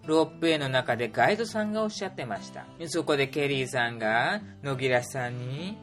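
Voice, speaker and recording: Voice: medium pitch, lively intonation, quick pace, a bit bright, soft background music. A playful storyteller recapping a group trip, full of puns and little sound effects. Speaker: tour organizer recounting a trip. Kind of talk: casual spoken trip recap.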